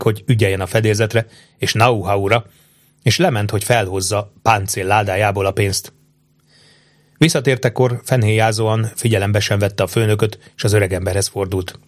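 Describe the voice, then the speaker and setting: A man reading an adventure novel aloud in a steady, measured narration. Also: fairly low pitch, no echo. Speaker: audiobook narrator. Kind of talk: scripted narration.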